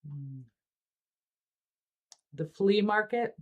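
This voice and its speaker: A woman hosting a casual livestream about miniature painting, relaxed and chatty with frequent ums. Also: mid-range voice, extremely slow, lo-fi sound.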